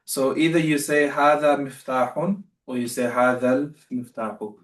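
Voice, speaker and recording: A man's voice: medium pitch, steady tone, fast. Patient male teacher, roomy distant sound. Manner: patient, repeats himself, corrects students. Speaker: Arabic teacher. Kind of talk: live online class.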